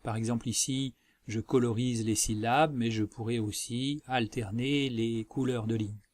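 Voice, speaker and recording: A man presenting a software tutorial as a screencast voice-over, explaining methodically step by step. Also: medium pitch, steady tone, measured pace, a little hiss or hum. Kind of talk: instructional screencast narration.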